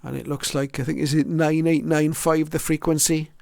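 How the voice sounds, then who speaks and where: A middle-aged or older shortwave radio enthusiast presents his collection item by item, casual, reflective and hesitant. His slightly high voice has a flat delivery, vocal fry and a somewhat mellow quality at a moderate pace. It's studio quality with no room sound.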